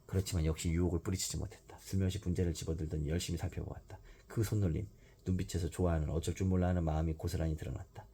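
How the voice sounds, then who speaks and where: A father reading a children's storybook aloud at bedtime, in a steady narrating voice. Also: low-pitched, very fast, slight background noise.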